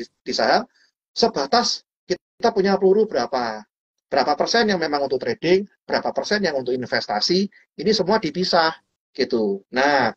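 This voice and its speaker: A man explaining stock trading in casual chat, animated and playful, acting out little scenes with sound effects. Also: fairly high pitch, slightly rough, muffled recording. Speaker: stock trading guest speaker.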